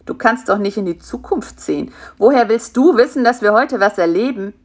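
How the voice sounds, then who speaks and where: A fat, lazy spider, as a woman reads him out, sleepy and smug, a know-it-all who frets easily. His voice sits raised and lively in this storybook tale. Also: fairly high pitch, normal speed, voice pushed up. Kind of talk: storybook character voice.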